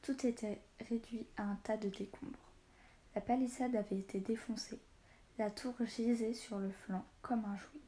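Mellow woman reading a story aloud. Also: fairly high pitch, steady tone, normal speed. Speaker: narrator.

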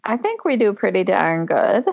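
A woman's voice: mid-range voice, very animated, normal speed, vocal fry, dull audio. Wry, easygoing woman podcast co-host. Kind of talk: casual podcast chat.

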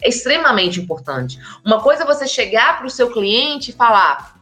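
A woman, giving a lively, emphatic talk on communication and speaking straight to her audience. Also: a little high, normal speed, faint music behind. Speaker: communication and body language trainer. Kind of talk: expressive presentation lecture. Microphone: camera with slides, hands in frame.

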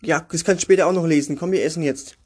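A man's voice: on the high side, steady tone, fast talker, darkish tone, husky. A man hosting a casual home podcast from a child's bedroom, crude and sarcastic as he grumbles to his listeners. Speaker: home podcast host, father. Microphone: single microphone at home.

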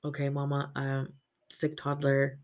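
A woman in her thirties hosting a casual motivational podcast as a faith-based coach, chatty with lots of "right?" asides and sudden animated bursts, tired and yawning from little sleep. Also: extremely low pitch, measured pace.

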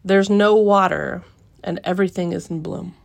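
A woman hosting a reflective solo podcast, musing with frequent pauses mid-phrase, recorded live in a small rock cave. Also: lowish voice, steady tone, creaky. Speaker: podcast host.

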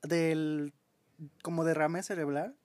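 A man's voice: fairly high pitch, fairly even intonation, slow, a little mellow. An enthusiastic man with a Mexican accent, talking casually as a podcast co-host. He gushes about what he likes, keeps his speech full of fillers, and laughs easily. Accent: Mexican Spanish. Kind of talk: casual chat.

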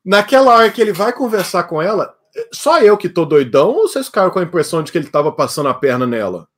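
A man's voice: high voice, sing-song, fast talker, a bit bright. A Brazilian man in a casual group discussion, speaking with a tongue-tied, slightly slushy lisp. His manner is informal and teasing, and he pushes his opinions as he talks. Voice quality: tongue-tie lisp, slushy sibilants, trouble rolling R.

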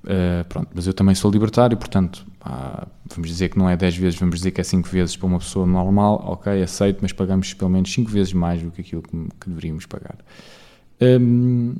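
Portuguese man, solo podcast host, lowish warm voice, casual rambling monologue. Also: fairly even intonation, fast. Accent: European Portuguese. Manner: rambling, full of fillers and tag questions.

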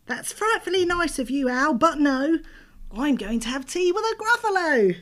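A woman's voice: high-pitched, very animated, normal speed, voice pushed up. A woman voicing a small, clever, polite male mouse hero in a children's storybook. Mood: cheerful, sly. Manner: plucky, bright, polite.

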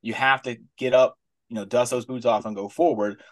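A man's voice: medium pitch, steady tone, a little fast. A man co-hosting a podcast in casual chat, rambling and full of "like" and "you know". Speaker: podcast co-host.

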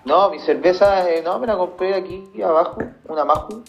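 A man's voice: high voice, brisk, gravelly, muffled recording, soft background music. A man with a Chilean Spanish accent co-hosting a casual chat, teasing and swearing freely. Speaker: podcast co-host. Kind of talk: casual late-night chat.

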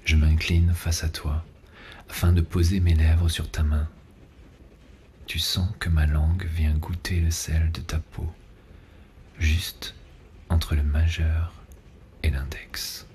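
Guy doing a sexy devoted lover, ASMR role-play right up in your ear, super slow and intimate, erotic audio story, some noise behind. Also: very deep voice, flat delivery, a little mellow. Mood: sensual, slow. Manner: slow, intimate, breathy murmur close to the ear. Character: seductive male lover on a night train, intimate and ardent.

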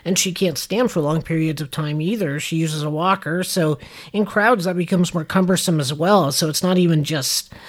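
A man's voice: fairly high pitch, normal speed. A man co-hosting a podcast in casual, joking chat. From Canada. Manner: relaxed, joking, hedging fillers. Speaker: podcast co-host.

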